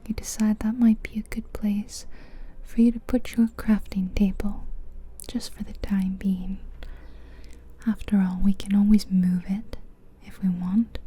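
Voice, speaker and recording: Captured on a close ear-to-ear ASMR mic, a female guide leads a calming visualization in a soft, breathy whisper. Her voice is mid-range and level in tone, and she lets long, leisurely pauses stretch between phrases in this gentle ASMR session.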